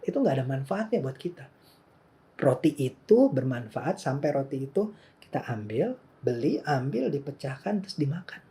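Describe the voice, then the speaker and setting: Man, pastor, thirties, casual sermon, mixes in English phrases, fairly high voice, mellow tone.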